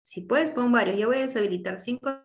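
A woman's voice: a little high, quick pace, music in the background. Woman teacher, directive online class voice, patient explainer.

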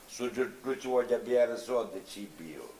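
A man's voice: medium pitch, a little slow, warm tone, close to an everyday voice. An actor playing a swaggering, menacing small-time tough guy in Sicilian dialect comedy, an older man with a Sicilian accent. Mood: domineering. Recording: roomy stage, clear background noise.

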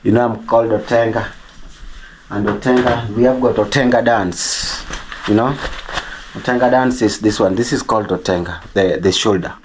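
A man's voice: on the low side, fairly even intonation, moderate pace, a little hiss or hum. Chatty Kenyan man vlogging. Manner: chatty, repeats words, thanks donors warmly. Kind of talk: casual vlog talk.

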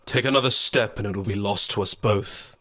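A man's voice: on the low side, fairly quick, pushed and bright. A man voicing a mocking, formless shadow entity. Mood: taunting. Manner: taunting, smooth and condescending. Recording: long reverb.

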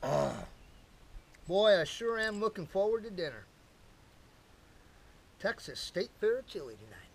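Older man, folksy camping vlogger, high-pitched voice, outdoor campsite, camera mic a few meters off. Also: sing-song, measured pace, creaky, pauses often, slightly rough, low-quality recording. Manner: folksy, chatty, addresses viewers as folks. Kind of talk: casual outdoor talk to camera. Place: outdoors at a lakeside campsite fire pit. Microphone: camera-mounted mic from a few meters away.

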